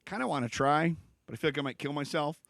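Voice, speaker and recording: A Michigan man in his thirties co-hosts a podcast, telling rambling, filler-heavy stories in casual chat with a swinging pitch. His voice is gravelly and a bit bright, he talks fast, and there's no echo.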